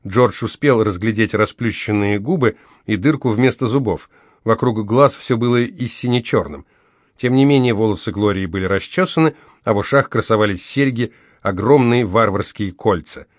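A man reading an audiobook in steady, scripted narration. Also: lowish voice, normal speed, no room sound, studio quality.

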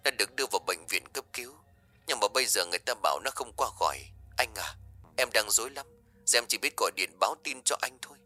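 A man voicing a grieving middle-aged woman, speaking soft and choked with tears. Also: lowish voice, expressive, fairly quick, hardly any pauses, faint music behind, pitched above the performer's own voice, heavily acted. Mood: grief-stricken.

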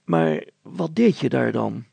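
Storybook mayor, slow and doubting, as a male reader puts him on; husky, gravelly voice. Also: mid-range voice, sing-song, warm tone, dry recording, exaggerated voice. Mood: incredulous. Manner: slow, questioning, incredulous.

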